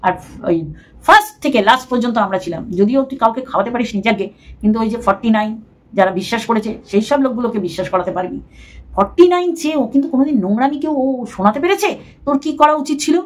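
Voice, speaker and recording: A woman's voice: on the high side, expressive, fast. A middle-aged woman, delivering a heated, confrontational vlog rant at a rival. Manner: scolding, confrontational, addresses rival informally. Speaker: vlogger. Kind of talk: heated direct-address rant.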